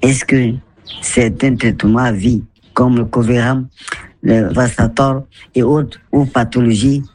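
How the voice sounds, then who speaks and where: A man in his sixties leaving a recorded voicemail question, his voice altered by a voice changer to hide who he is, speaking in a formal, measured way as he reads out a list of points. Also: medium pitch, fairly even intonation, darkish tone, a little hiss or hum. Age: 60s. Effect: voice altered by a voice changer for anonymity. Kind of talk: recorded answering-machine message.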